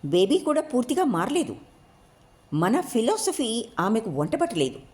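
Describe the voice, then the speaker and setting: A woman's voice: on the high side, huge pitch swings, a little slow, a little mellow, pitched above the performer's own voice. A woman reading a story, voicing a self-assured male hippie who lectures in a matter-of-fact way. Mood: lecturing.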